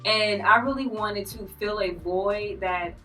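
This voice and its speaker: A woman's voice: medium pitch, a little slow, sharp tone. A woman founder of a wellness business, answering interview questions in an earnest, plainspoken way. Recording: distant mic with faint music behind.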